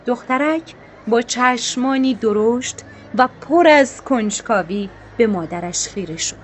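A woman narrating a scripted story in a calm, measured, literary way. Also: fairly high pitch, soft background music.

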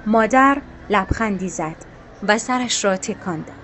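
A woman narrating a scripted story in a calm, measured, literary way. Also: mid-range voice, a little hiss or hum.

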